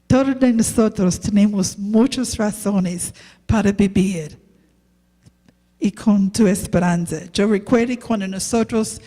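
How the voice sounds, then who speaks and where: Slow woman preaching in echoey church. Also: mid-range voice, dark tone. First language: English. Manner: slow, halting non-native Spanish with restarts. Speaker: missionary preacher. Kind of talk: sermon with personal story.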